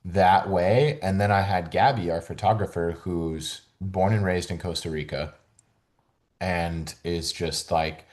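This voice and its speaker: A man who works as a holistic fitness coach, chatting as a podcast guest in a loose, rambling way full of "like" and "you know", and livening up when he gets excited. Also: deep voice, unhurried. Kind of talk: casual conversational interview.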